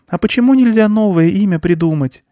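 A man's voice: sits high, brisk, mellow, no echo, studio quality, pitched above the performer's own voice, lightly acted. A man voicing a curious little girl with an eager, questioning manner in a storybook reading. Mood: puzzled.

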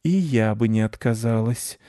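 A man's voice: mid-range voice, moderate pace, mellow, no echo, studio quality, voice pushed up, natural voice. A man voicing a haughty female cat who speaks coyly and with disdain in a storybook reading. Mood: disdainful. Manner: coy and disdainful.

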